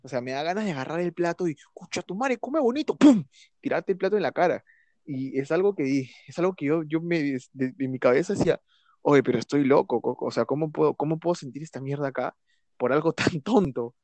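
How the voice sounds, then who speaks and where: A man's voice: on the high side, a little fast, a little mellow, no room sound. A young man in casual chat, laughing often, swearing freely and joking as he talks.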